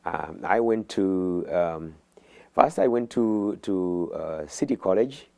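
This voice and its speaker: A middle-aged man from Uganda, a guest in an interview, talking haltingly with many fillers and restarts. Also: low voice, warm tone. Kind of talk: interview conversation.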